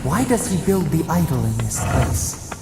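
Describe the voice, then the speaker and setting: An actor voicing a mysterious spirit that speaks as a collective, in a solemn, beckoning way. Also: male voice, fairly high pitch, very animated, moderate pace, creaky. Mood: questioning. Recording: echoey, reverberant voice effect. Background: game music.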